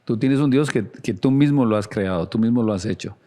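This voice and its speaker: A man's voice: mid-range voice, brisk, mellow. A man preaching a sermon as a pastor, earnest and speaking straight to the listener with direct questions. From Latin America.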